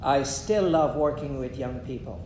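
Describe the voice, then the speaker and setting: A man, preaching in short measured phrases and pausing after each one for an interpreter. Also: crowd noise. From Guyana. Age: 70s. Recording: echoey room with a faint rumble.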